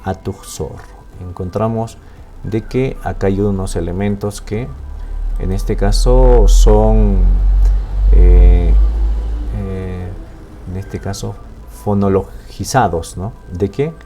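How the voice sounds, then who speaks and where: A man teaching a Quechua language lesson in Spanish with a Peruvian accent, explaining slowly and checking in often with "¿no?" and "¿sí?". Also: lowish voice, warm tone, faint music behind. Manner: slow, explaining with frequent "¿no?" and "¿sí?" checks.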